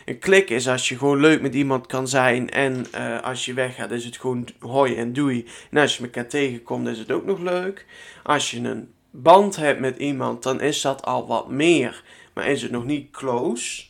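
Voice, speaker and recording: This is a young man from the Netherlands talking to his podcast listeners from his room at home. His mid-range voice has a gravelly, creaky edge. He rambles from one story to the next in easy chat and lets the odd swear word slip. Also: medium pitch, moderate pace. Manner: chatty and rambling, with casual swearing. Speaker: podcast host. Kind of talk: casual solo podcast chat.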